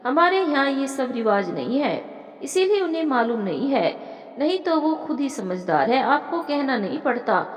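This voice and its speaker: Woman as a soft-spoken young bride, pleading, storybook tale, echoey room. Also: high-pitched, very animated, normal speed. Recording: echoey room with long reverb.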